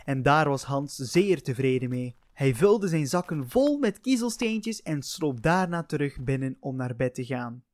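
A man's voice: medium pitch, expressive, measured pace, hardly any pauses, darkish tone, no room sound. A man narrating a fairy tale in a playful, chatty way, talking straight to the listener. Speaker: storyteller.

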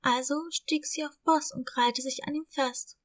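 Female narrator for a children's story, high voice and calm pace. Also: unhurried. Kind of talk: scripted narration.

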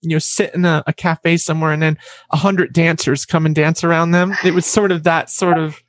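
A woman guest telling a personal story in an interview, animated and acting out what other people said. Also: low voice, brisk.

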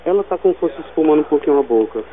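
A man on the phone, the father of the baby, giving short, hushed answers. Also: fairly high pitch, animated, racing, a little hiss or hum. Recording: tinny phone line.

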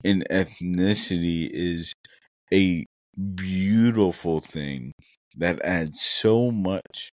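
A young man with a deep, low voice talks slowly and earnestly, thinking aloud with plenty of fillers as he co-hosts a casual podcast. His voice sounds dry and close, with no room echo. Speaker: podcast co-host.

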